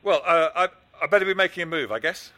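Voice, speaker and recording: An actor playing an ordinary, attentive husband in a naturalistic drama, soothing and slightly hesitant. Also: male voice, fairly high pitch, fast talker, natural voice. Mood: awkward, evasive. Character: attentive, placating husband, an ordinary office worker.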